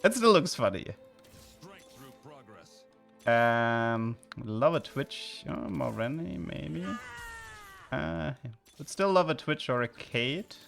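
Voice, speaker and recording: A man from southern Germany with a German accent, a streamer chatting with viewers and commenting on his game, with sudden excited outbursts. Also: medium pitch, takes it slowly, vocal fry, pauses often, faint music behind.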